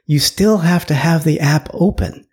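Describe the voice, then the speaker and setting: A man co-hosting a tech podcast, chatty and sarcastic in casual talk, quick to laugh. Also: fairly high pitch, darkish tone, husky. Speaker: podcast co-host.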